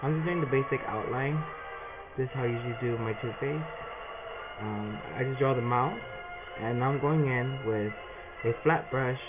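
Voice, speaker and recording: A man's voice: mid-range voice, moderate pace. Casual man with a tinny, lo-fi sound. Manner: casual, many "um" fillers. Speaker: face painter. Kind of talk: face paint tutorial narration. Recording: tinny phone-like recording with music.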